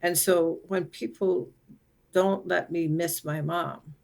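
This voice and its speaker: A woman author joins a podcast as a guest, her voice heavy with a gravelly fry. She explains her ideas reflectively, sometimes restarting a thought as she works it through. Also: lowish voice, steady tone, slow pace. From Nigeria. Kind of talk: conversational interview.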